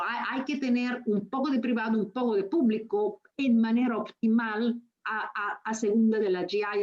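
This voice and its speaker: An Italian woman gives an informal academic talk in non-native Spanish as a guest speaker over a remote video call. Her accent shows Italian influence, and she often searches for words or mixes languages. Her voice is mid-range and darkish, heard through muffled video call audio.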